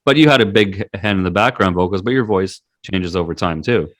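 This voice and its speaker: A man's voice: low-pitched, fairly quick, no echo, clean studio sound. A man hosting an interview, asking long, chatty, rolling questions. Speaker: interview host. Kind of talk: casual interview.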